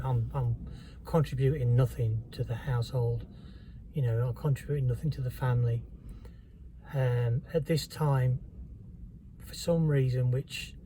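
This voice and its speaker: A man telling a personal story to camera in a halting, candid, reflective way. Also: medium pitch, noisy background. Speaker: vlogger.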